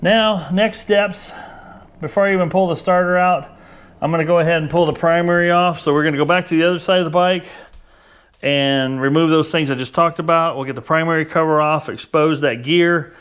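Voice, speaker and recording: A man's voice: fairly high pitch, steady tone, a little fast, fairly bright tone, clear, resonant tone. Plainspoken wry man wrenching on a bike. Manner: plainspoken, wry, a little exasperated. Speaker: home mechanic. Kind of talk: casual how-to commentary. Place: backyard garage workspace.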